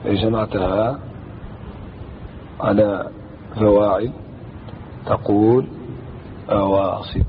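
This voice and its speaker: A man teaching a traditional Arabic grammar lesson, explaining slowly and deliberately and chanting lines of verse as he repeats them. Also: on the low side, fairly even intonation. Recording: dull lo-fi recording with faint background noise.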